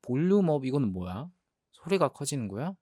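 A man playing a playful, defensive young boyfriend in a role-play ASMR audio drama, talking haltingly and repeating his words as he protests. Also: medium pitch, sing-song, darkish tone, dry recording, clean studio sound. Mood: flustered, protesting.

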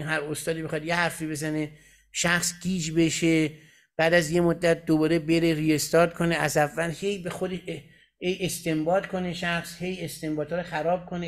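A man with a high voice leads a recitation lesson. He breaks each point down step by step and keeps asking his students whether they have understood. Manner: explains step by step and keeps checking "got it?". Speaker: Quran recitation teacher. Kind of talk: lecturing in a recitation class.

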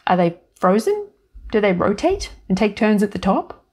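A woman's voice: mid-range voice, sing-song, normal speed, a little mellow, husky, pitched above the performer's own voice. A woman voicing a dry, teasing office worker with a wry manner.

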